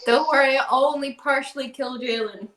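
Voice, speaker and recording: A woman's voice: high-pitched, normal speed, fairly bright tone, rough recording. A young adult woman playing a tabletop role-playing game, trading casual banter in a playful, emphatic way.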